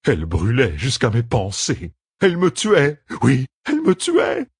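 A man voicing a blinded, maddened old lord who rants in a shrill voice climbing ever higher, husky and close in an audiobook. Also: wildly swooping pitch, measured pace, no echo, heavily acted. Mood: raving.

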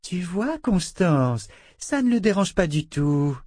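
A man putting on a higher voice for a cruel, mocking woman torturer in an audiobook. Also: animated, normal speed, darkish tone, no room sound, close to an everyday voice. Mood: taunting.

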